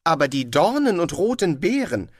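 A man's voice: a little high, very animated, normal speed, dry recording, clean studio sound, voice pushed up. A man reading an audiobook, voicing a naive, trusting male tourist who asks eager, wide-eyed questions.

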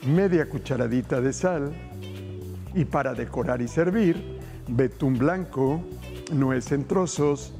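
A middle-aged man speaks slowly in a mellow, medium-pitched voice over soft background music while hosting a cooking show. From a TV studio kitchen set, he cheerfully walks viewers through a recipe, enthusiastic and addressing them directly.

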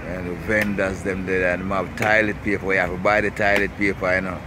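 A vlogger with a Jamaican accent and Rasta speech gives a casual walking tour of a city park beside busy streets, his voice low and flat and his pace fairly quick. He rambles and repeats himself, dropping tags like "see," "you know," and "blessed love." It's filmed on a handheld camera as he walks, so the audio is noisy with traffic in the background.

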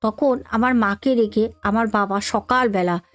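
A woman's voice: on the high side, fairly even intonation, unhurried, dry recording. A woman telling a family story in a casual, chatty way, talking straight to her listeners. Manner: chatty, addresses listeners directly, many fillers.

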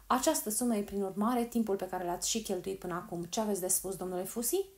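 A woman's voice: medium pitch, lightly acted. A woman reading the lines of a cold, persuasive male agent who sells time savings, calculating and coaxing in an audiobook. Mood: stern.

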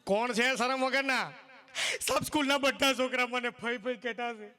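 A man's voice: extremely high pitch, fairly even intonation, moderate pace, pushed and bright, clear, resonant tone. A man voicing a schoolgirl who whines to her teacher through sobs, in a comic stage story. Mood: tearful whining. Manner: whiny, sobbing complaint.

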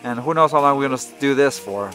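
A man in his thirties with a medium-pitched voice talks quickly over music while vlogging his family's camping trip at a woodland campsite. Holding the camera at arm's length, he narrates casually to the lens and chats with his small kids outdoors.

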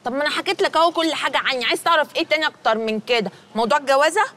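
A woman's voice: high voice, bright, forceful tone. An actress in a comedy series playing a talkative, teasing young woman teacher, with an Egyptian Arabic accent. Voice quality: talkative, playful, quick banter. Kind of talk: TV comedy drama dialogue.

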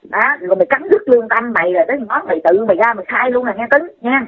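A woman's voice: fairly high pitch, expressive, rapid-fire. A woman lecturing someone insistently over a phone call, repeating her advice and scolding. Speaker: commentator addressing someone directly. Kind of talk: casual lecturing call-in talk. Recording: tinny phone line.

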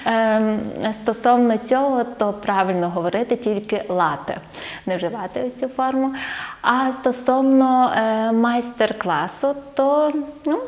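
A woman's voice: on the high side, unhurried, darkish tone. A woman who teaches language and literature, speaking as an interview guest. She explains things step by step, with many filler sounds and light laughs between phrases.

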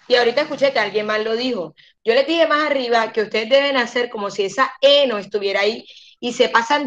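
Patient woman, higher voice, teaching English over a dull-sounding call line. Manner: patient, slows down to model pronunciation. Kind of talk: online class instruction.

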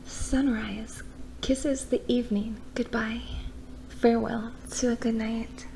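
A woman reads a poetic bedtime story in a breathy, half-whispered voice, intimate as if right in your ear, with deliberate pauses. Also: a little high, little pitch movement, dark tone, slight background noise, rough recording. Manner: slow, deliberate phrasing with pauses.

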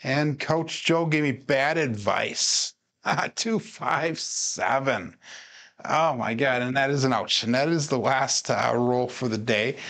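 A man's voice: mid-range voice, slow, fairly bright tone. A tired man in casual solo commentary, coaching himself and chatting with viewers between dice throws, laughing often. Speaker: craps practice streamer.

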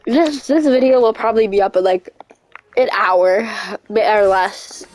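A woman's voice: mid-range voice, a little slow, darkish tone, faint music behind, rough recording. A woman hosting her gaming channel, talking casually and explaining things in a chatty way with fillers and restarts. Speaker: channel host. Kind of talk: casual let's-play chat.

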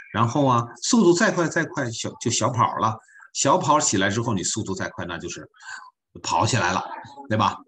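A man's voice: on the low side, fairly bright tone. A man teaching an online French class, folksy and joking, repeating his points.

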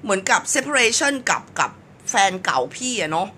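Bright-voiced woman musing on spiritual growth. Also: on the high side, big pitch swings, normal speed, slight background noise. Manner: rambling, mixes English phrases into her talk. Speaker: spiritual vlogger. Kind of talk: casual spiritual talk to camera.

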